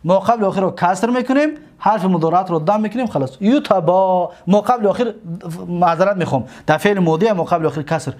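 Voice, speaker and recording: A man with a fairly high voice teaches a class. He recites drill lists in a chanting rhythm, repeats key points and puts questions to the class. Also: a little mellow. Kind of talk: lecture on Arabic verb forms.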